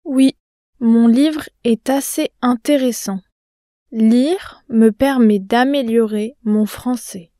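Actress as a calm young student in a language-lesson dialogue, slow and mellow, dry studio sound. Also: female voice, a little high, dry recording. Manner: slow, careful, clearly articulated.

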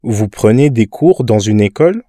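A man playing a friendly stranger in a park, asking polite questions slowly in a scripted lesson dialogue. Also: lowish voice, expressive, warm tone, no room sound, studio quality, natural voice.

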